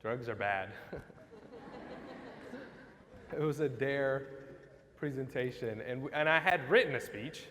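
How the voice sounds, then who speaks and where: A man's voice: medium pitch, takes it slowly, long pauses, long reverb tail, crowd noise. A young man from Iraq giving an upbeat motivational talk to a school audience, coaxing them to respond. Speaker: guest speaker. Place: school assembly hall.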